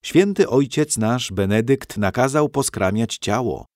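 A man voicing a gentle, unhurried old monk. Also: mid-range voice, animated, dry recording, clean studio sound. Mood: gentle calm. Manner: soft, unhurried, scripture-quoting.

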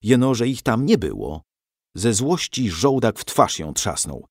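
A man narrating a historical storybook in a lively, animated way. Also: mid-range voice, unhurried, dry recording, studio quality. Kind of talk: storybook reading.

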